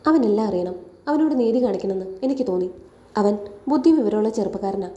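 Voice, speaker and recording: A woman voicing a gentle, apologetic middle-aged father who talks in a quiet way in an echoey room. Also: mid-range voice, lively intonation, quick pace, highs cut off, natural voice. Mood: subdued.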